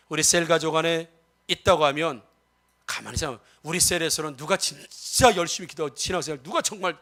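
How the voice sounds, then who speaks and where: A male pastor preaching a Sunday sermon, asking the congregation rhetorical questions and swinging between loud exhortation and soft asides. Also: fairly high pitch.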